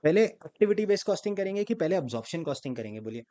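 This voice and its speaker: A man teaching an accounting class in Hindi mixes in English terms, quizzing students and prompting them to answer aloud in call-and-response fashion. His mellow voice is a little high, races along and swings widely in pitch.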